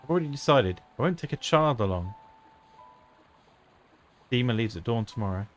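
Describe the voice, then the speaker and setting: A man's voice: medium pitch, lively intonation, normal speed, faint music behind, lightly acted. A man voicing a determined, earnest boy adventurer while reading game dialogue aloud. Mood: resolute.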